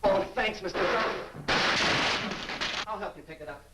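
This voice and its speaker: An actor playing an eager, brash job seeker, a former dancer, in 1940s film style. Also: male voice, high voice, normal speed, gravelly, distant mic, heavy background noise. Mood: grateful. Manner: persuasive, brash. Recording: vintage film sound, off mic.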